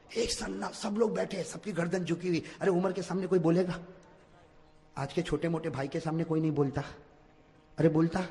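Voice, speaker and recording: High-voiced man preaching in an echoing hall. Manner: emphatic, swings from low asides to shouting; addresses audience directly, asks them to repeat. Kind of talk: religious sermon. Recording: reverberant hall.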